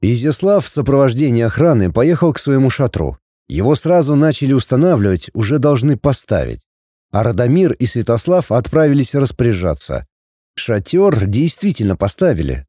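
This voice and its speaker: A man reading an audiobook as narrator, telling the story in an expressive, wry way. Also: mid-range voice, no room sound, studio quality.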